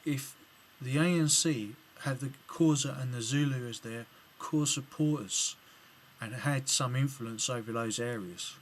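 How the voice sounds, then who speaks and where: An Englishman with a mid-range voice records a casual video reply to another vlogger, speaking at a measured pace. He hesitates a lot, filling gaps with ums and restarting sentences. The low-quality audio carries a faint hiss or hum.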